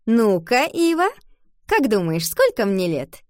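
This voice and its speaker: A woman's voice: mid-range voice, sing-song, measured pace, darkish tone, no room sound, studio quality. A woman reading the part of a vain, easily offended mother who gushes over a child and bristles about her age. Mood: gushing. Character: woman playing touchy vain mother Gundula.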